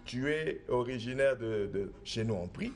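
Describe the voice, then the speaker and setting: In a mid-range, darkish voice with lively intonation and no rush, this middle-aged man answers interview questions. He's a traditional spiritual master from the Republic of the Congo who argues insistently and assertively, repeating himself to drive points home.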